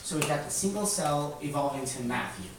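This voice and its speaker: A somewhat high, expressive male voice, fairly quick, runs a casual question-driven lesson for kids, explaining simply and repeatedly pressing them with questions. Echo fills the room, the microphone is far off, and faint noise lingers.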